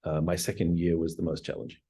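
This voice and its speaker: A startup CEO in his forties, this founder answers interview questions hesitantly and reflectively, with lots of fillers and restarts. His voice sits low, steady, and dark, with a creaky, breathy edge, and he speaks at a quick pace.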